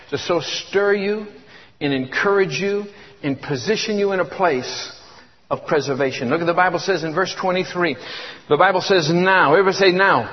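Fervent high-voiced preacher man in his 50s. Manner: fervent, repeats words, calls for congregation responses. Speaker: guest preacher. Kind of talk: sermon. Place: church. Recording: echoey hall, dull lo-fi sound.

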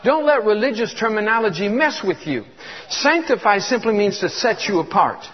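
Man, 50s, guest preacher, sermon, husky, dull lo-fi recording. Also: high-pitched. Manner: fervent, repeats words, calls for congregation responses. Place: church. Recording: echoey hall, dull lo-fi sound.

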